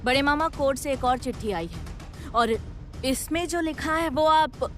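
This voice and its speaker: A high-voiced young relative delivers bad news slowly and gravely. Clear dramatic music plays under her in this TV serial. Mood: ominous. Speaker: niece bringing a court letter.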